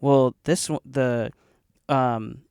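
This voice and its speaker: A man co-hosting a podcast in casual chat who laughs easily and answers with quick agreement. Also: mid-range voice, steady tone, darkish tone, smooth, no echo, clean studio sound. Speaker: podcast co-host. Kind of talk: casual conversation.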